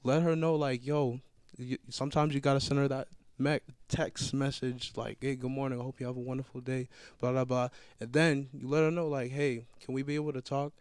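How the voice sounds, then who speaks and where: A man's voice: medium pitch, a little fast, clean tone, no room sound. A man of twenty-seven telling a story in a casual group talk, swearing freely and acting out what people said. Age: 20s. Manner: profane, animated storytelling.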